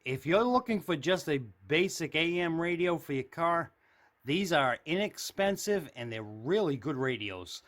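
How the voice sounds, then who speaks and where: A man films his own radio shack, shelves of radios all around, for an unscripted hobbyist show-and-tell about CB radio. He speaks a little slowly in a fairly high, fairly bright voice with lively intonation. His manner is casual and plain.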